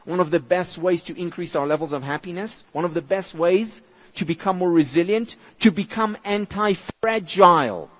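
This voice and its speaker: A keynote speaker whose mother tongue is Hebrew delivers a motivational conference talk in English. His phrasing is measured and emphatic with deliberate pauses, and his lively, expressive pitch drops low on key words.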